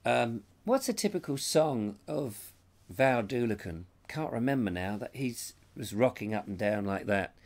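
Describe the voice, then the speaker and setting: With a cold wearing his voice down, a middle-aged English show host rambles chattily on a live stream and reads comments from viewers. His voice is medium-pitched, animated, a little slow and darkish in tone. He uses a lapel mic.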